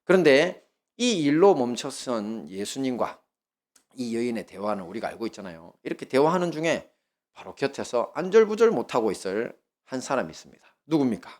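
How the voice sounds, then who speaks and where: The sermon comes from a man, a pastor with a Gyeongsang Korean accent, whose medium-pitched voice moves a little fast. He fills it with lively stories and questions for the congregation.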